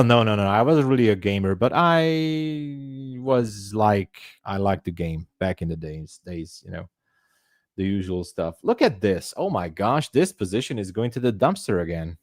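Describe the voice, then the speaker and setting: A man's voice: lowish voice, animated, moderate pace, dry recording, clean studio sound. A man from Hungary hosting a live trading stream, chatting casually, laughing often and thinking aloud. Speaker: livestream trading host.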